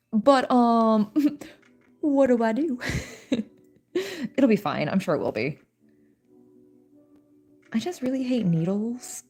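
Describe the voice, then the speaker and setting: A young woman streaming while working on an animatic, chatting casually in a soft-spoken way, with frequent fillers and small laughs. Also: a little high, husky. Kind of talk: casual chat.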